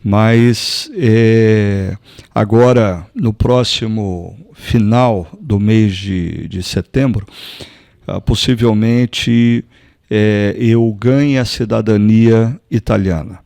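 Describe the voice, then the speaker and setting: A man's voice: fairly low pitch, extremely slow, gravelly, darkish tone, no echo, studio quality. A man from Brazil, a pastor on a church talk show, chatting in a thoughtful way with small restarts. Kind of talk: casual chat.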